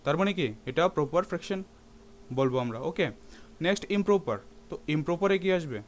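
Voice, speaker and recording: A man's voice: a little high, animated, fast talker. A man teaching a math lesson in a classroom-lecture style, often asking his students rhetorical questions and slipping English terms into his speech.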